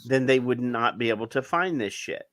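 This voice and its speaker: A man's voice: mid-range voice, normal speed, fairly bright tone. A middle-aged man co-hosting a podcast, chatting casually and sarcastically, often restarting his sentences. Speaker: podcast co-host. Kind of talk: casual chat.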